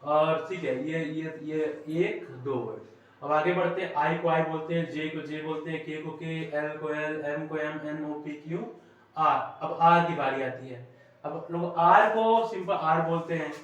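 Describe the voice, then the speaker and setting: A man from India, with a somewhat high voice, runs a classroom lesson, explaining patiently and pausing to check that students follow. He is recorded from a distance in a very echoey room. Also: fairly even intonation. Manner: explanatory, often checks in with "ठीक है?". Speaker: teacher.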